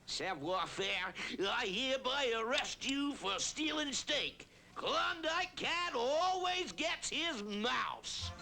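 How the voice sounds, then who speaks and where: A man's voice: extremely high pitch, very animated, slow pace, gravelly, few pauses, exaggerated voice. A man voicing a bumbling, earnest cartoon cat Mountie who is folksy and dim-witted. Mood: determined. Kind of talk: cartoon voice acting. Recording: loud music behind, old cartoon soundtrack.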